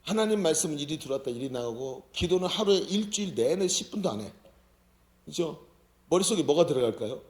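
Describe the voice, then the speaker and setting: A man's voice: on the high side, a little fast. A man preaching a sermon as senior pastor, often asking the congregation questions. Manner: lively, questions the audience often. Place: church sanctuary. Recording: roomy church hall.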